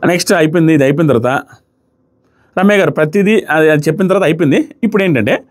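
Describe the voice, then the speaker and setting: A man riffs casually and animatedly on a reality show, impersonating contestants as he quotes them, speaking in a fairly high pitch with rapid-fire delivery.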